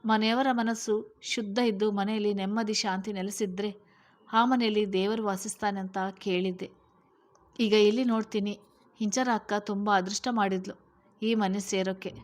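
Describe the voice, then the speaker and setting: A woman's voice: medium pitch, fairly even intonation, normal speed, lightly acted. A woman voicing a young woman, tearful and earnest, in a read-aloud storybook. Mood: emotional. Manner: pleading, emotional.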